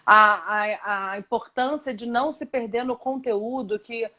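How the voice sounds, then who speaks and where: A woman's voice: on the high side, unhurried, sharp tone. A woman with a Brazilian Portuguese accent, a Gestalt therapist who explains at length and with emphasis in a live online discussion over a video call.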